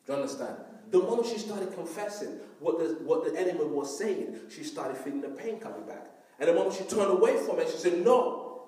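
A man's voice: a little high, a little mellow. A man preaching a sermon as pastor, emphatic and often checking that the congregation understands. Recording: very echoey room, voice from far off.

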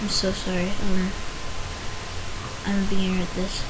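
A young woman hosting a Minecraft video tours a world she built, talking in a rambling commentary that keeps interrupting itself. Her voice is medium-pitched and monotone at a normal speed. The home recording has audible hiss.

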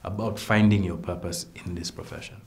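Guy hosting a chat show, really low voice, loose and jokey, lots of ums. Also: steady tone, brisk. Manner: probing, playful, many fillers. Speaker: talk show host. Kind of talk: conversational interview.

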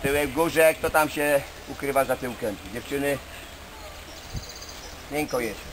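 A man's voice: mid-range voice, unhurried. A man leading a karate class, calling out counts and commands and correcting students in a stern coaching manner. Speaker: karate instructor. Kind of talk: barking drill commands and counts. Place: outdoor training camp with a group. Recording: noisy outdoor camera audio with group.

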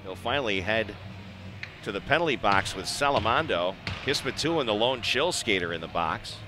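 An American man with a lowish, animated voice calls ice hockey play-by-play at normal speed, conversational and clipped. Music plays in the background, along with clear noise from the live arena broadcast.

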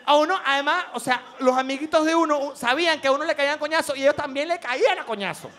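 A man with a Venezuelan accent doing a comic monologue as show host, animated and laughing, slipping into mock voices. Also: very high-pitched, quick pace, a faint crowd. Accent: Venezuelan Spanish.

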